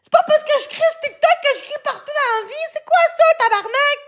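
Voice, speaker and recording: A woman with a Québécois accent rants to her livestream viewers in a very high, piercing voice. She swears constantly and breaks into shouts, speaking into a phone. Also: fairly quick. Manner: ranting, heavy swearing, frequent shouting. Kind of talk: angry livestream rant.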